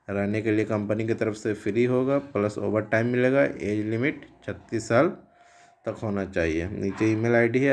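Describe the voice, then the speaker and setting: A man hosting a job listings channel, reading out job advertisements in a steady, list-like way, trade after trade and figure after figure. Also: on the low side.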